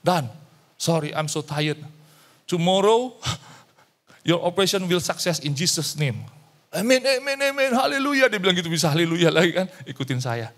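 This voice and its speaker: A man's voice: high voice, expressive, moderate pace, fairly bright tone. A male pastor telling a story in a sermon, acting out the dialogue and slipping into English phrases.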